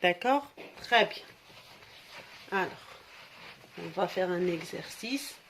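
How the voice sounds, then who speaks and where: Slow-paced woman teaching children. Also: fairly low pitch, expressive, noisy background. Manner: patient, slow dictation, switching into Algerian Arabic to explain. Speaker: primary school French teacher. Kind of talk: classroom lesson for children.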